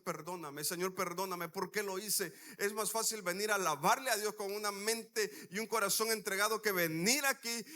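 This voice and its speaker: A man's voice: high-pitched, sharp tone. A man preaching a sermon, telling a story with acted-out dialogue and asking the congregation rhetorical questions.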